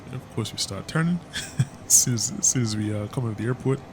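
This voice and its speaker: Casual male flight sim streamer, mid-pitched, rambling commentary, engine rumble behind. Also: rapid-fire. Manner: chatty, stumbling with fillers.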